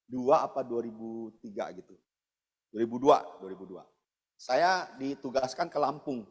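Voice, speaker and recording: A male pastor giving a casual, chatty storytelling sermon, speaking directly to his congregation. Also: medium pitch. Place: church service hall. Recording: long church reverb, soft guitar behind.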